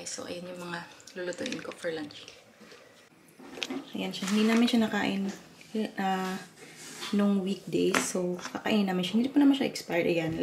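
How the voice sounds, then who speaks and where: A woman's voice: on the low side, vocal fry, very noisy. A young woman from the Philippines, a mother, chatting casually and teasing herself as she films her weekend at home. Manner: chatty, mixes Tagalog and English, self-teasing. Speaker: vlogger, mother. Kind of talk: casual home vlog chat. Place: home kitchen and rooms.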